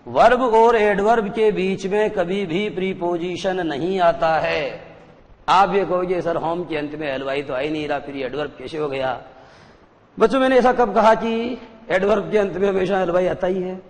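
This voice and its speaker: A male teacher giving a classroom lecture, explaining slowly and repeating each point for his pupils. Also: high voice, long reverb tail.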